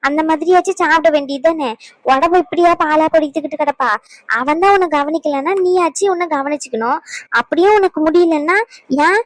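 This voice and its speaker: A woman's voice: high voice, no echo, natural voice. A woman voicing a blunt, bossy older mother-in-law in a cartoon, who lectures and scolds. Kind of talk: cartoon voice acting.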